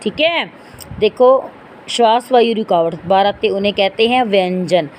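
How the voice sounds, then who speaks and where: A woman's voice: mid-range voice, measured pace, darkish tone, slight background noise. A woman teaching a grammar lesson to students, spelling out sounds one at a time and often checking in with them. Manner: often checks in with "theek hai" and "dekhiye". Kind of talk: online Hindi grammar lesson.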